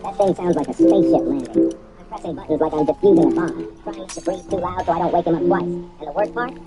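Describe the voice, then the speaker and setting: Fast-talking man telling a comic rant. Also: high voice. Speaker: storyteller. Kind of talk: scripted comedic monologue. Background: music.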